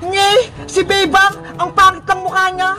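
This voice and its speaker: Blunt loud cartoon boy, high and slow, music under it , woman doing the voice. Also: level tone. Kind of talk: cartoon voice acting. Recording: music in the background.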